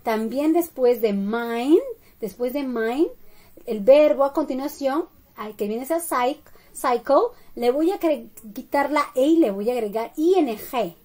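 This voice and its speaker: A woman with a high voice teaches English to children in a slow, patient lesson. She drills each sentence twice and keeps checking that the class follows. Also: lively intonation, a little mellow. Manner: slow, deliberate drilling with frequent "¿ok?" and "¿verdad?" checks.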